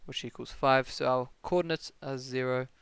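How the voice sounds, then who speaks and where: A man's voice: medium pitch, steady tone, normal speed, gravelly, fairly bright tone, smooth, no room sound. A young man with a New Zealand accent tutoring maths on a live stream, thinking aloud and answering chat questions in a casual way.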